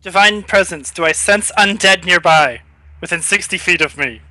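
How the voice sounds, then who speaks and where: A man playing in a tabletop game, joking quickly and slipping into playful in-character lines. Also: high voice, bright, forceful tone, no echo, rough recording. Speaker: player. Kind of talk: casual tabletop game chat.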